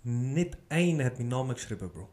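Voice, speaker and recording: A man's voice: mid-range voice, animated, a little fast, a little mellow. A young man with a Swiss German accent chatting casually on a podcast, full of slang and boasting. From Switzerland. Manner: slangy, says bro constantly, boastful. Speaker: podcast co-host. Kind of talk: casual chat.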